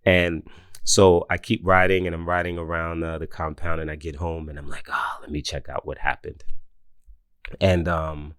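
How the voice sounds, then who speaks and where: A man in his forties telling a casual personal story, animated, often laughing and mimicking others in high voices. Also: no echo, studio quality. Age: 40s. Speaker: host.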